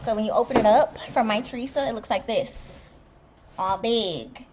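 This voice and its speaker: Excited chatty woman with a lilt. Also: fairly high pitch, normal speed, heavy background noise. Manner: excited, chatty, addresses viewers as y'all. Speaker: vlogger. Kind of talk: casual unboxing vlog.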